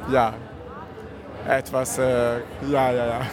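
A man's voice: medium pitch, monotone, slow pace, music in the background. A man from Italy with an Italian accent, an art student answering interview questions thoughtfully and searching for words.

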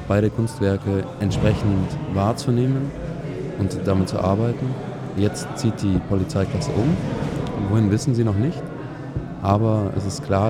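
A man hosting a student radio broadcast live, announcing in a dry, wry way with improvised asides. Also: lowish voice. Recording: loud crowd noise behind. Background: crowd chatter.

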